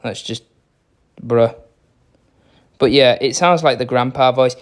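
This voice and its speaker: A man's voice: medium pitch, slow pace. Rambling young guy demoing a phone. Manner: rambling, unsure, lots of fillers. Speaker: phone reviewer. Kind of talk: casual screen-recorded demo.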